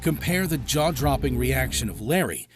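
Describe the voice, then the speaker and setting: A man's voice: mid-range voice, animated, moderate pace. A man narrating a true-crime video in a scripted, dramatic way. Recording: narration over loud music.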